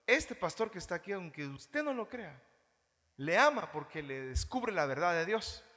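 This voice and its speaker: A man with a Guatemalan Spanish accent preaching a sermon as pastor, animated, mimicking churchgoers in mocking voices. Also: sits high, moderate pace. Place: church hall. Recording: reverberant church hall.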